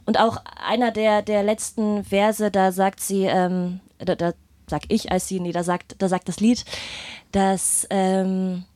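A woman who sings and plays guitar tells her story as an interview guest, speaking casually, hesitantly, and thoughtfully into a microphone. Her delivery is flat and slow at medium pitch, a little mellow, with no echo.

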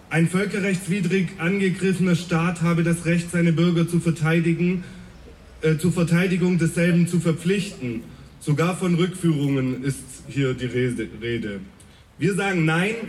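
A man's voice: a little high, darkish tone. A man giving an earnest, polemical prepared speech at an outdoor rally. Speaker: rally speaker.

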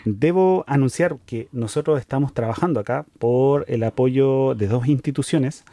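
Mellow-voiced male interviewer, dry sound. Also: mid-range voice, normal speed, no echo. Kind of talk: conversational interview.

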